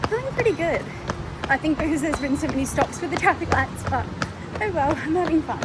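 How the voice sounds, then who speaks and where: A woman's voice: high voice, expressive, a little fast, very noisy. A young woman vlogging casually while running, out of breath as she talks. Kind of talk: casual vlog check-in. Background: music.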